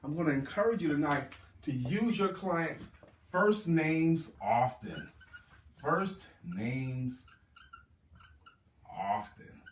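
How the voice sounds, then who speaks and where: A man's voice: fairly high pitch, animated, slow pace, long pauses, roomy sound, distant mic, slight background noise. A man giving a motivational sales seminar talk as a trainer, speaking emphatically and repeating key words for stress.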